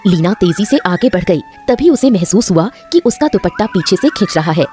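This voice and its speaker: A woman narrating a cartoon story with expressive, scripted storytelling. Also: mid-range voice, moderate pace, soft background music.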